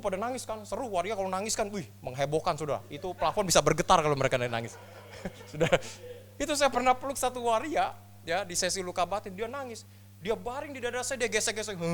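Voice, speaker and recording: Lively, animated male pastor preaching. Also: high voice, slight background noise. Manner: animated, humorous, swings between loud and quiet. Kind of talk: storytelling sermon.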